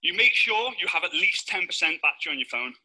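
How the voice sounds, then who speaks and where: Man, motivational stage speaker, lively swooping pitch, forceful husky voice. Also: quick pace, rough recording. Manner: high-energy, shouty and playful. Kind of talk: live stage talk to an audience. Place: stage in front of a live audience.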